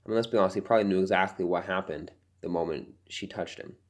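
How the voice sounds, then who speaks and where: A man hosting a scripture-study podcast, talking it through casually, halting and thinking aloud with many fillers in an earnest, reflective way. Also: deep voice. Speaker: podcast host teaching scripture.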